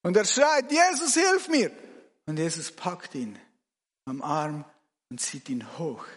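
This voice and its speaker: A man preaching, guiding his listeners through a story in a slow, expressive voice that swings between loud and hushed. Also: fairly high pitch, in a large hall. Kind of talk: guided imaginative sermon.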